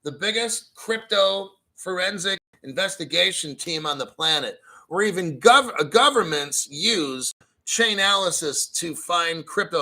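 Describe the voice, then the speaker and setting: A man with a sharp, bright, slightly high voice hosts a casual crypto livestream, ranting bluntly with lots of profanity and mocking rival channels. He keeps clearing his throat as he reads viewer comments and chat donations aloud.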